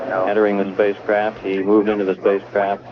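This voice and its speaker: A man giving steady live countdown commentary from launch control, heard as a crackly radio transmission. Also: on the low side. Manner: steady, measured announcer delivery. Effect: crackly radio transmission sound. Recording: noisy lo-fi archival radio broadcast.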